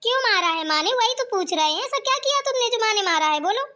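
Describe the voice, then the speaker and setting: A woman's voice: very high-pitched, animated, quick pace, bright, forceful tone, full character voice. A woman voicing a motherly young sister-in-law in a cartoon, coaxing and soothing as if speaking to a child. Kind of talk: cartoon voice acting.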